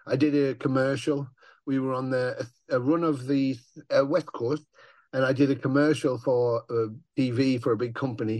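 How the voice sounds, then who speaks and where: A man with a gravelly growl, chatting casually as an interview guest and swearing as he tells stories. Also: medium pitch, no echo. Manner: swearing, animated storyteller who acts out voices. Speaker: touring metal musician, guest.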